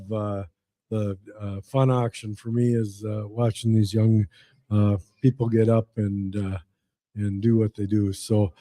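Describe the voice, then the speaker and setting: Very dark-voiced man hosting, halting delivery. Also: medium pitch, no echo. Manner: halting, folksy, frequent pauses. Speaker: event host. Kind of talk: unscripted announcing to an audience.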